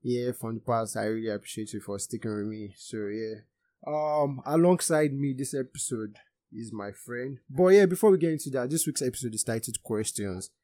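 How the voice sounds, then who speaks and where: A man's voice: medium pitch, moderate pace, mellow, no echo. A young man with a Nigerian Yoruba accent hosting a casual podcast. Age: young adult. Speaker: podcast host.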